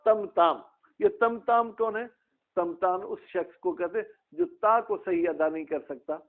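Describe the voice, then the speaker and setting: A male religious teacher giving a classroom lesson, asking his students questions by name. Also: high-pitched. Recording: tinny phone-like sound.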